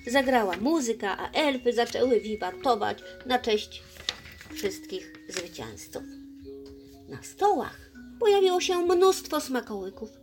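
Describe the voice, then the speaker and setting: Female storybook narrator, expressive and soft, light music bed. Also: fairly high pitch. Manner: expressive, soft-toned reading.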